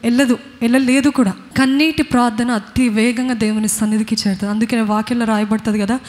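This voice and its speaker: A woman's voice: a little high, steady tone, fast talker, a little mellow. A woman with a Telugu accent preaching a sermon, earnestly questioning her congregation. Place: church. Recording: long hall reverb.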